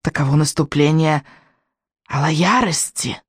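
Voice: medium pitch, a little slow, breathy edge, no echo, studio quality. A reader voicing a spiteful, lying old witch with a crackling, hissing voice in an audiobook. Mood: ominous. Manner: hissing, theatrical. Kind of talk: audiobook reading.

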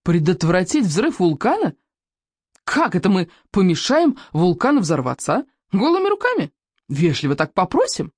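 A reader doing a squeaky, fretful Viking boy. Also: sing-song, a little fast, few pauses, a little mellow, husky, no room sound. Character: nervous, skeptical scrawny Viking boy.

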